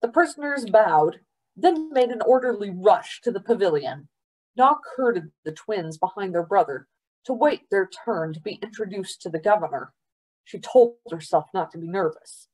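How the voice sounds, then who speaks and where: A woman's voice: mid-range voice, expressive, normal speed, a little mellow, husky, low-quality recording. Woman reading a children's novel aloud. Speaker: library storytime reader.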